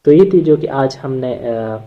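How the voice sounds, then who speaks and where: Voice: medium pitch, animated, unhurried, muffled recording. A teacher giving an explanatory lecture on poetic metre, hesitant, with frequent filler sounds and restarts, and answering their own rhetorical questions. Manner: asks rhetorical questions, then answers them.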